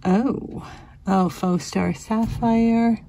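Slow, gravelly-voiced woman thrifting. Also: fairly high pitch, fairly even intonation, dark tone, a little hiss or hum. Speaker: vintage reseller vlogger. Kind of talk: casual thrifting narration. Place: inside a cluttered antique store.

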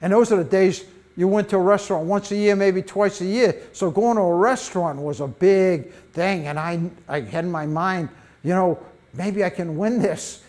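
Animated older man telling bee stories. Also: sits high, moderate pace. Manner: animated storyteller, wide gestures, folksy asides. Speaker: beekeeping presenter. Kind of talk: public talk with slides. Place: library meeting room.

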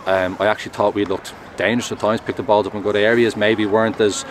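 A young man speaks quickly and earnestly in a post-match interview, his voice sitting slightly low. He talks outdoors on a close mic. Clear traffic hum runs behind him. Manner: measured, earnest, steady. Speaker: goalkeeper. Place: outdoors at a stadium, in front of a sponsor board at night.

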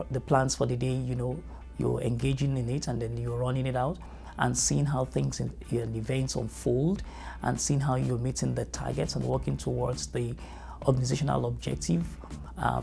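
Middle-aged Nigerian man, gravelly mid-pitched voice, earnest interviewee over a music bed. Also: dark tone. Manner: measured, earnest, thoughtful with fillers. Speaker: family educator. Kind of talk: interview answers. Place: studio with dark backdrop.

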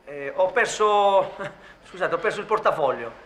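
A man's voice: sits high, lively intonation, normal speed, crowd noise, poor audio. An actor playing a confused, apologetic man at an auction in a comedy sketch, speaking hesitantly with stammers. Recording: crowded room, off mic.

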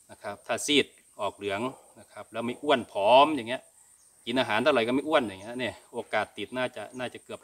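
In an open-sided cattle barn, a middle-aged Thai cattle channel host fields viewer questions in a relaxed way, using polite particles often. His mid-range voice comes across pushed and bright.

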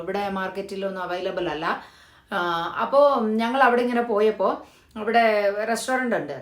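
Chatty woman vlogger in an echoey room. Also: mid-range voice. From Kerala. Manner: chatty, explains step by step with many fillers. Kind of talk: casual storytelling vlog. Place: living in Hyderabad.

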